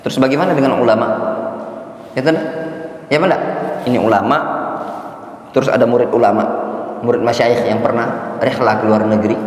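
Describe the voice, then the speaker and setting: A man's voice: mid-range voice, a little mellow. Preaching man in an echoing mosque. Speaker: ustadz teaching a study circle. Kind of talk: mosque study-circle lecture. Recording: echoey mosque hall reverb.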